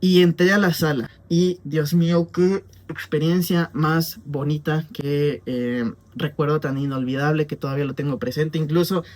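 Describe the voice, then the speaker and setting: A young Mexican man with a Mexican Spanish accent talks through a film review with a somewhat high voice. He rambles casually and fills his pauses with plenty of verbal fillers. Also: steady tone, a little mellow. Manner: chatty and rambling, with frequent fillers and asides.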